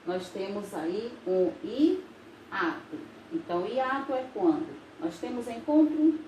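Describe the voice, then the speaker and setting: A woman's voice: mid-range voice, darkish tone. Brazilian woman teacher, patient lesson. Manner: slow, patient explaining with recaps. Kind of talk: recorded video lesson. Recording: echoey room with faint noise.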